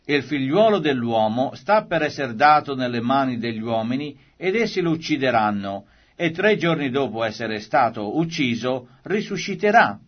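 A man reading the words of Jesus in a solemn, measured way, as a grave and authoritative teacher. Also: medium pitch, sing-song. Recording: slightly dull lo-fi recording.

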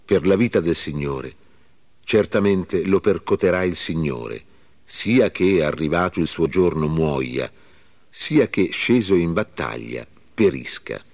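An earnest young warrior who calls out with indignation and solemn pleading, read by a man. The voice sits very low and carries a grave, declaiming tone. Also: expressive, takes it slowly, a little mellow, full character voice.

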